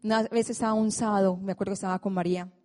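A woman's voice: medium pitch, very fast. Woman in her forties telling a faith testimony. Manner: lively storytelling, acting out her own prayers. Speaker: prayer group speaker.

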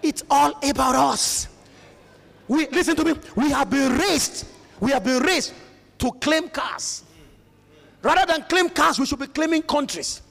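A Nigerian man preaches a Pentecostal sermon with fervour, often breaking into shouts and urging the crowd to listen. His voice sits very high. It rings out with the long reverb of a big church hall. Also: vocal fry. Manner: fervent, rising to shouts, repeats "listen to me".

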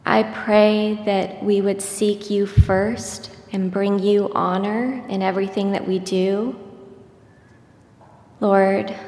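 A woman leads her congregation in prayer, slow and measured, her voice staying level with hardly any rise or fall. Her words spread into a cathedral-like echo, with a long reverb trailing through the church hall. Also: medium pitch, gravelly, a little mellow. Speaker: prayer leader. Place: church sanctuary.

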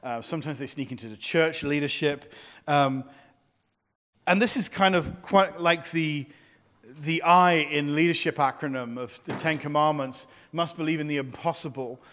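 A man's voice: fairly high pitch, moderate pace, fairly bright tone, in a large hall. A man, a pastor, giving a teaching sermon and animatedly acting out the voices of the people he quotes.

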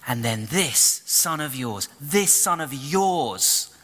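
A man's voice: mid-range voice, slow pace, pushed and bright, long reverb tail. A man voicing a resentful older brother, a young man complaining bitterly and indignantly. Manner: rising, aggrieved complaint.

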